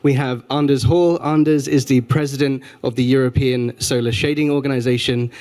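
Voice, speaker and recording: A man's voice: medium pitch, fairly even intonation, moderate pace, darkish tone. A man moderating a conference panel, hesitating with fillers as he introduces the next speaker.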